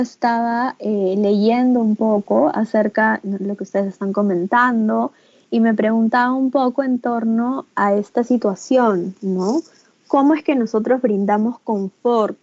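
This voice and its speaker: A woman's voice: medium pitch, darkish tone, dry recording, highs cut off. A woman with a Peruvian Spanish accent giving an online teacher training lecture. She explains patiently, often adds "¿no?" and acts out caregiver phrases in a livelier voice. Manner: explanatory, with frequent "¿no?" tag questions. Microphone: video call.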